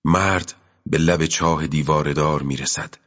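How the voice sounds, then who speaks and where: A man with a very low, husky voice reads a novel slowly and intimately. His measured delivery sits in a muffled recording. A long reverb trails after each phrase. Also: steady tone, a bit bright. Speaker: audiobook narrator. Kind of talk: literary audiobook reading.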